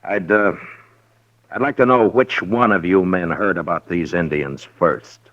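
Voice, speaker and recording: An actor playing a firm, skeptical Old West marshal with a dry, probing manner, in old-time radio western style. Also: male voice, deep voice, a little slow. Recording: dull roomy vintage radio recording.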